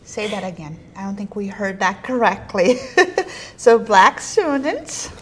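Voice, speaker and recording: A state representative whose first language is Portuguese hosts a casual conversation about education bills. She talks animatedly with a shifting pace, her medium-pitched voice sing-song and a little slow.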